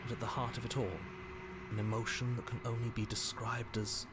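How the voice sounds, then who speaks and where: A man playing a solemn, ominous storybook narrator in a video game, measured and grave over music. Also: mid-range voice, monotone, very noisy, lightly acted. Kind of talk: scripted second-person game narration. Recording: loud game music behind the voice.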